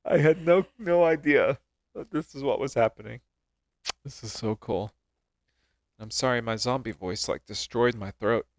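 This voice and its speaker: Casting: a casual podcaster with a mid-range voice, dry close sound, reading and joking. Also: male voice, medium pitch, moderate pace, dry recording. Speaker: podcast co-host. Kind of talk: casual chat and scripture reading.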